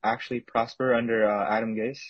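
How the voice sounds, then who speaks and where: A man's voice: mid-range voice, little pitch movement, a little fast, husky, lo-fi sound. A man hosting a casual sports podcast, chatting about football and often repeating words as he jumps in.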